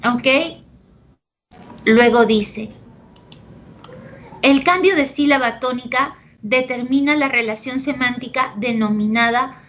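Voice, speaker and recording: Her voice sits high with a fairly bright tone as this Peruvian-accented woman teaches a language class online to pre-university students. She gives examples, asks "¿ok?" and "¿de acuerdo?" to check in, and is warm toward her students, all captured in dull lo-fi audio.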